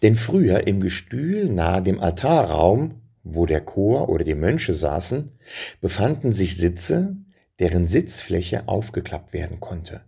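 A man's voice: sits low, very animated, unhurried, warm tone. A man reading a children's story aloud and chatting directly with his young listeners. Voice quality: gravelly.

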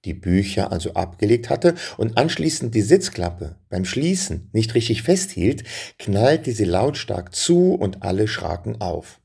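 Male storyteller, chatty, talks to listeners, low-pitched, raspy. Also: mellow. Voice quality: gravelly. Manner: chatty, addresses listeners directly. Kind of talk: reading a children's story aloud.

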